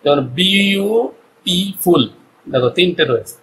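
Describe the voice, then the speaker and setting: A man's voice: fairly high pitch, normal speed, background noise. A man teaching an English grammar lesson with a Bengali accent, explaining step by step and checking in with his students often. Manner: explains step by step, often asks "ঠিক আছে?".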